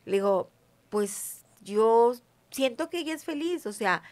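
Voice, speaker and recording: A woman's voice: a little high, lively intonation, a little slow, darkish tone. A middle-aged woman with a Mexican accent, talking in a chatty, emphatic way as an interview guest. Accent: Mexican Spanish. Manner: chatty, emphatic, often asks "¿sí me entiendes?". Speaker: interview guest, self-described witch. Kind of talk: casual conversational interview.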